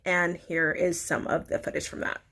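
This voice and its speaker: A chatty young woman talks straight to her viewers in a loose, bubbly way. She leans on fillers and keeps it casual. Her voice sits a little lower than most women's. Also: little pitch movement, normal speed, sharp tone. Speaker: vlogger and author. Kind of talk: casual vlog chat.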